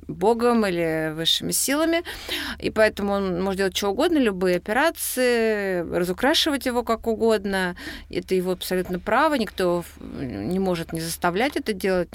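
Woman in her 50s, podcast co-host, measured and thoughtful, dry close sound. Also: medium pitch, no echo. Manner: measured, thoughtful, many hesitations. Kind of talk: casual podcast conversation.

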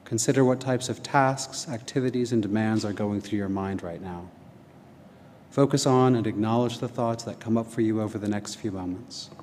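A man leading a guided relaxation meditation in a calm, measured, gently instructing manner. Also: lowish voice. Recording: long hall reverb, noisy ambience.

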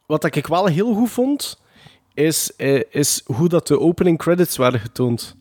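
A man in a casual film podcast, hesitant, repeating words as he looks for the right ones. His voice sits somewhat high for a man. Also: sing-song, unhurried, darkish tone. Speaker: podcast co-host.

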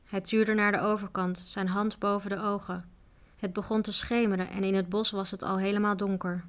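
A woman narrating a children's adventure book aloud in a steady, even reading voice. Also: medium pitch, moderate pace. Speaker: audiobook reader. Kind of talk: storybook narration.

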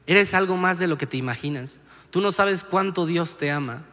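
A young preacher with a high, ringing voice speaks earnestly to his congregation. He keeps turning to the listener with a direct question. His voice carries through a reverberant church hall. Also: normal speed, fairly bright tone, slight background noise. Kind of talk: sermon. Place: church auditorium.

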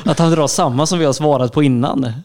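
A man's voice: on the high side, a little mellow. A man co-hosting a radio show, answering in short, dry remarks during casual banter. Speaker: radio co-host.

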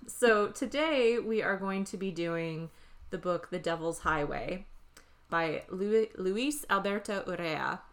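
A woman's voice: medium pitch, slow pace. A woman in her thirties co-hosting a podcast, talking casually and candidly, laughing often and swearing freely. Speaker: podcast co-host. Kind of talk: casual chat.

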